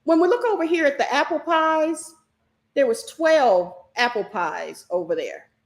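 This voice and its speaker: A middle-aged woman hosting a live online stock class, talking fast and animated while she reacts to viewer comments. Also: high voice. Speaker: stock market class host.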